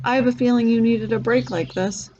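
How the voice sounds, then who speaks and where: A woman voicing a kindly, gruff male shopkeeper in a storybook. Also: fairly high pitch, steady tone, fairly quick, dark tone, muffled recording, natural voice. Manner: firm, kindly.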